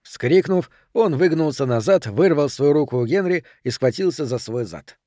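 A man's voice: a little high, animated, moderate pace, warm tone, no echo. Man reading an audiobook, dry and close. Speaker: audiobook reader. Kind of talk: scripted narration.

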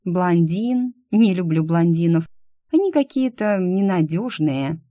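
A fussy young woman who finds fault with everything, voiced by a female audiobook reader. Her voice sits a touch higher than the reader's own and stays soft and mellow. The sound is dry and close. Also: animated, unhurried, no echo. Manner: capricious, fault-finding. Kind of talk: audiobook character voice.

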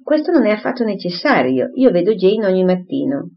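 A woman reading an audiobook, voicing a calm, dry, firm gentleman who speaks in a measured way, in a dull lo-fi recording. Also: mid-range voice.

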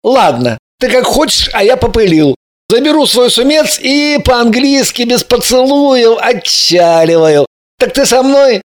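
A woman's voice: a little high, lively intonation, unhurried, pitched above the performer's own voice. A woman voicing a brash, sardonic young man in an audiobook, blunt and mocking. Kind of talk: audiobook character voice.

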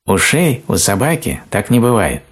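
A man voicing a playful, excitable young hare who asks eager, teasing questions. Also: fairly low pitch, normal speed, breathy edge, voice pushed up.

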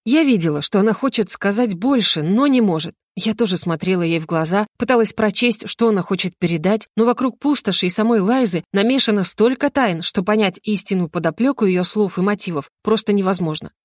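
A woman narrating a first-person fantasy audiobook in an even, measured way. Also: medium pitch, no room sound, studio quality.

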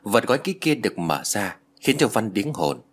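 A man narrating a ghost story with a dramatic, expressive reading. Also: lowish voice, moderate pace, breathy edge.

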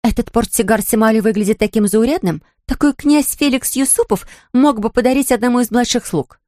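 A woman's voice: on the high side, brisk, dark tone, dry recording, lightly acted. A woman reading an audiobook, voicing a playful young woman who puts on a haughty, theatrical manner, in a dry studio.

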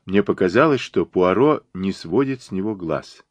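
A man reads an audiobook with dramatic expression. His voice is lowish but moves lively through the sentences. The recording is close and dry. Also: moderate pace, dry recording. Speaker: audiobook narrator. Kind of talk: scripted narration.

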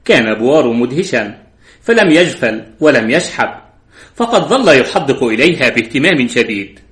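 A man reading a story aloud in a steady, dramatic narration. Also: mid-range voice, normal speed. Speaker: audiobook narrator. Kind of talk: scripted narration. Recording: roomy echo.

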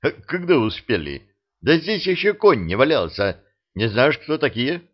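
Brash quick-tempered young hero, read by a man, lively indignant outbursts, slow delivery, muffled audiobook recording. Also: mid-range voice, voice pushed up. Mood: alarmed. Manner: indignant, shouting bursts.

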